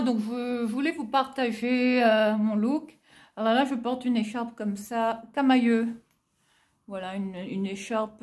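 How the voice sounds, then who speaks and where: A fashion vlogger from Réunion chats from home to her followers about her clothes in a casual haul video. Her mid-range voice is a little mellow, and she speaks loosely and warmly, full of fillers and small laughs, repeatedly calling her viewers "les filles."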